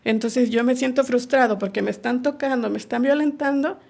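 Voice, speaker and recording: A woman, a guest on a podcast, calmly explaining sexual education in casual conversation and acting out small quoted dialogues. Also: on the high side, brisk, vocal fry.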